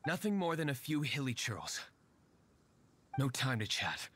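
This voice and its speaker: An actor playing a cool, aloof young nobleman vigilante in a fantasy video game, with dry, deadpan sarcasm. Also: mid-range voice, unhurried, slight background noise. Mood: brisk, dismissive.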